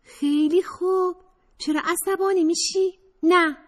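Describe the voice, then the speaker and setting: A woman's voice: extremely high pitch, steady tone, voice pushed up. A woman narrator voicing a sarcastic, evasive young woman who teases and dodges serious questions. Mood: bemused. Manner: teasing, sarcastic, dodging questions. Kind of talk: audiobook character voice.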